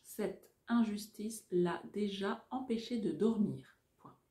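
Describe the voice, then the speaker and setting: Woman teacher, dictating phrase by phrase, mellow voice, deliberate, slow, careful articulation. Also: medium pitch, reverberant. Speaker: French teacher giving dictation. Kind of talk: dictating, reading phrase by phrase with punctuation spoken aloud. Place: small furnished room indoors.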